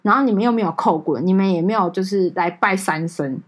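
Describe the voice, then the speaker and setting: A woman with a Taiwanese Mandarin accent, co-hosting a podcast and telling a story in an animated, emotional way with many fillers. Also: mid-range voice, fast talker. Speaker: podcast co-host. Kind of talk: casual storytelling chat.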